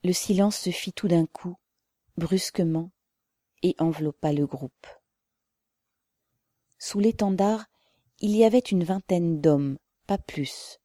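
Slow, low-voiced woman narrator. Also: dark tone, no echo, studio quality. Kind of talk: audiobook narration.

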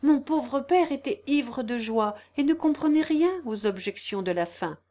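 Woman voicing a proud young woman, gentle, resolute, earnest, storybook reading. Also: sits high, unhurried, voice pushed up. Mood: sorrowful. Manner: earnest, steady, persuasive. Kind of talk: audiobook reading.

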